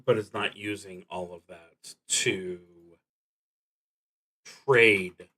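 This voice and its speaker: On a stream of a solo tabletop roleplaying game, a man thinks aloud and reads out prompts haltingly and deliberately, leaving long pauses. His voice is on the low side with fairly even intonation and a sharp tone. The audio quality is poor.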